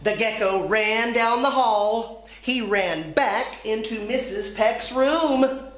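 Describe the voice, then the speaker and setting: Slow-reading woman teacher. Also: a little high. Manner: slow, clear storytelling. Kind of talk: children's story reading. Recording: echoey room.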